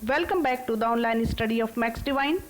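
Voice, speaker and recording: An Indian woman teacher giving an online class, reading syllables out slowly and carefully, one at a time. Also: fairly high pitch, a little hiss or hum, low-quality recording. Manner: slow, drawn-out syllable-by-syllable reading. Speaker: school teacher.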